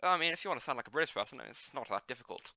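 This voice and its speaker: A man's voice: mid-range voice, expressive, racing, pushed and bright, dull audio. A young man with an Australian accent, co-hosting a casual podcast chat with dry, blunt quips. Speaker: podcast co-host.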